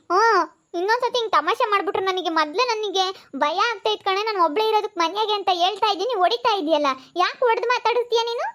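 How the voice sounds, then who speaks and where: An indignant village housewife, played by a woman scolds in a very high, shrill voice. Her accent is rural central Karnataka. The setting is a village comedy skit. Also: a bit bright. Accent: rural central Karnataka Kannada.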